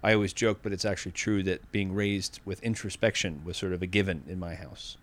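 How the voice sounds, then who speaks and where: Podcast guest, man in his fifties from Massachusetts, lowish voice, candid and reflective, restarts sentences mid-thought. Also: fairly even intonation, fairly quick, a bit bright. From Massachusetts, USA. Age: 50s. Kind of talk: casual interview conversation.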